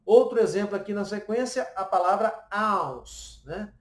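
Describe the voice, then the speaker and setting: A man's voice: high voice, a little slow, reverberant. A Brazilian man with a Brazilian Portuguese accent teaching English pronunciation, explaining patiently and often checking in with the listener. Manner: explains patiently with frequent "né?" and "ok?" tags. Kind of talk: pronunciation lesson.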